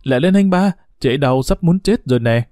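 A man's voice: mid-range voice, expressive, fast talker, mellow, no echo, studio quality, soft background music, lightly acted. A man voicing a frightened young village girl who calls and pleads urgently. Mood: frantic.

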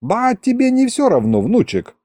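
A man's voice: very high voice, huge pitch swings, normal speed, darkish tone, no room sound, clean studio sound, voice pushed up, heavily acted. A man voicing a teasing, rambling old village grandfather who talks in rustic, old-fashioned speech. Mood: fussy, rambling.

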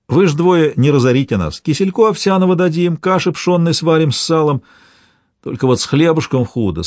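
A fussy, talkative old peasant father, put on by a male storyteller pleads and rambles in quaint country speech. His voice sits well above a plain man's, lifted and lively. The sound is dry and close. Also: a little high, no room sound, voice pushed up.

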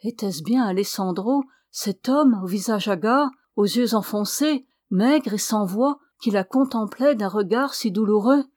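A woman's voice: medium pitch, measured pace, few pauses, a little mellow, no echo. Woman narrating a novel, dry close sound. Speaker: audiobook reader. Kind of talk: reading a novel aloud.

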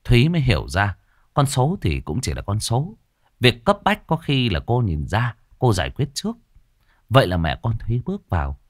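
Expressive male storyteller. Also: medium pitch, normal speed, dry recording, clean studio sound. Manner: expressive, shifts into character voices. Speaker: audiobook narrator. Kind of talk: storybook narration.

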